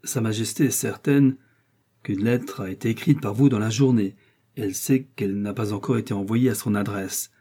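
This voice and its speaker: A man's voice: fairly low pitch, steady tone, normal speed, warm tone, natural voice. A man reading the part of an embarrassed royal chancellor, formal and insistent.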